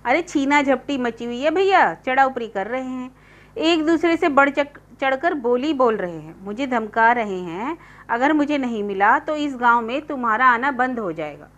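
A woman's voice: sits high, animated, normal speed, fairly bright tone. A woman voicing a stubborn, defensive middle-aged village man in a story reading. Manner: defensive, dismissive retorts. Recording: dull lo-fi recording.

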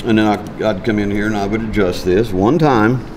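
This is a hands-on shop demonstration from a welding instructor in his fifties, working in a large metal workshop and thinking aloud in a folksy, plain way. His lowish voice keeps a normal speed against a noisy background with a music bed underneath.

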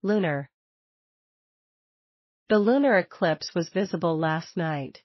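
A woman reads vocabulary words and sample sentences in a slow, carefully spaced delivery. Her voice sits on the low side for a woman. The sound is dry and a bit dull, with little room and muted highs. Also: expressive, dry recording. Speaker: vocabulary reader. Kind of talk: slow scripted word-and-sentence reading.

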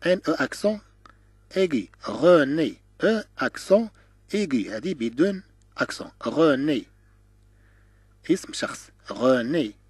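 A man with a Moroccan Arabic accent teaching beginner French, drilling letter sounds slowly and repeating each syllable. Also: fairly high pitch, sing-song, breathy edge, no room sound. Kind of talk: slow classroom-style reading lesson.

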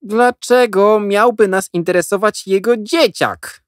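A scoffing, dismissive schoolboy, voiced by a male audiobook reader, pitched high and brushing off his friend. He sounds unimpressed and impatient. The read is close and dry. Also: unhurried, no room sound.

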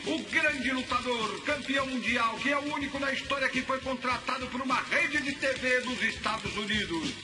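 An actor playing an excitable male boxing commentator in a dubbed TV drama, grandiose and emphatic in his delivery. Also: extremely high pitch. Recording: loud music behind the voice.

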